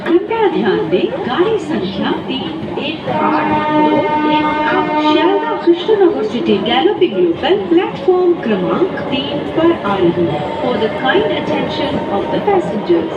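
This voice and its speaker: A woman making railway platform announcements, heard over station loudspeakers in a slow, drawn-out, measured way. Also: sits high, sing-song, over loud music. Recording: echoey, distant, dull, loud train noise.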